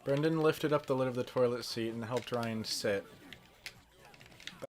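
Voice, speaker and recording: Man, deadpan read-aloud, casual gaming aside, mid pitch, faint music behind. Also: moderate pace. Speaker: fan fiction reader.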